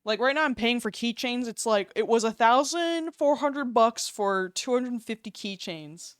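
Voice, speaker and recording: A woman's voice: fairly high pitch, lively intonation, unhurried, clean tone, no echo, clean studio sound. A young woman streaming while she draws, chatting casually, giggling and swearing easily. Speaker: streamer and artist. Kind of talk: casual live-stream chat while drawing.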